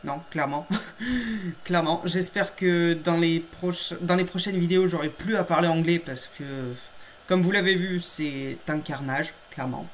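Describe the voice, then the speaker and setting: A man's voice: on the high side, a little slow, slight background noise. Guy chatting on his channel, laughing at his old mistakes, emphatic and loose. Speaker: YouTube host reacting to his old episode. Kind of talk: casual reaction commentary.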